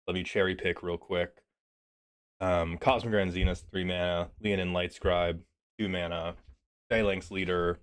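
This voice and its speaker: A man giving a casual, joking review of a card deck, a bit sick and clearing his throat, swearing as he thinks aloud. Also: low voice. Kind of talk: casual commentary.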